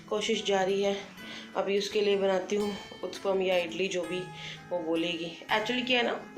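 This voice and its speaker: A woman in her thirties, a homemaker, chatting casually through her day at home, thinking aloud and mixing in English words. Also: mid-range voice. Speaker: homemaker vlogger. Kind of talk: casual daily vlog narration. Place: home kitchen. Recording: echoey room with background music.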